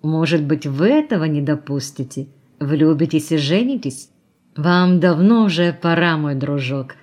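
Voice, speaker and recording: A woman's low-pitched, darkish voice, moving a little slowly, brings to life an audiobook's cynical society woman. The character mocks, teases, and coaxes throughout.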